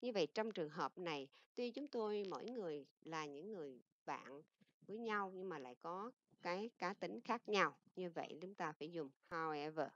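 A woman English teacher with a Vietnamese accent giving a recorded lesson, explaining in Vietnamese and reading English example sentences slowly and carefully. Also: fairly low pitch, expressive. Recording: dull lo-fi dry recording.

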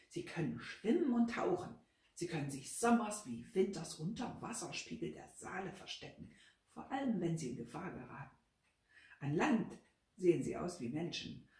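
A woman's voice: on the low side, darkish tone. A woman voicing a stern, superstitious old head maid who talks in a scolding, preachy way. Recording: roomy, from a distance.

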